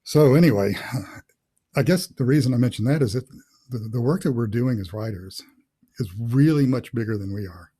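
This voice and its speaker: A man's voice: medium pitch, lively intonation, moderate pace, dark tone, slightly rough. A middle-aged man, an author hosting a casual interview over a video call, thinking aloud with many fillers. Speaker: author and host.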